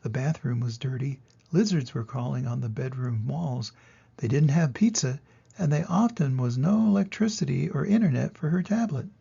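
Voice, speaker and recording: An older man with a grandfatherly manner reads a children's storybook aloud expressively, in a gravelly, husky voice. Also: medium pitch, animated, normal speed, dark tone, muffled recording. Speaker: storybook reader.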